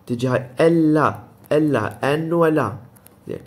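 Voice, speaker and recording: A man's voice: a little high, normal speed. A man with an Iraqi Arabic accent teaching a recorded lesson on recitation rules, explaining step by step and answering his own questions.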